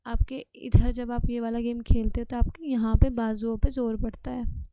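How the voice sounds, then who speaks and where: A woman's voice: a little high, level tone, moderate pace, dark tone, smooth, dry recording, low-quality recording. A woman science teacher explaining a textbook lesson step by step, often asking her students questions.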